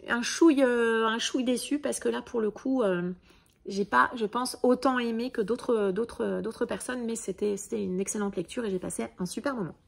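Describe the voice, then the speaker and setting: A woman's voice: on the high side, moderate pace, creaky. A woman giving a casual, chatty book review, full of fillers and restarts. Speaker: book vlogger.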